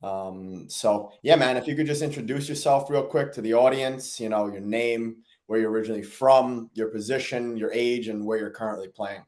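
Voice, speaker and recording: Laid-back male podcast host, low voice. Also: normal speed, hardly any pauses, a little mellow. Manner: laid-back, casual slang and fillers. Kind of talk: casual interview talk.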